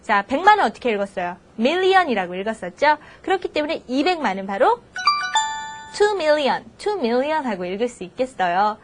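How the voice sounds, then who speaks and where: A woman teaches a scripted English lesson, her voice high and swinging widely in pitch. She keeps prompting her students with quick questions. She reads each English example out slowly and deliberately. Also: big pitch swings, music in the background. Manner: slow, drawn-out English model phrases between Korean explanations.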